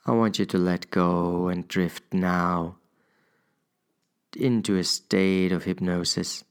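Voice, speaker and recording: Low, slow, creaky male hypnotist. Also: fairly even intonation. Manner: soothing, measured, with drawn-out pauses. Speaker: hypnotist guiding a listener. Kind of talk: guided hypnosis induction, soothing instruction.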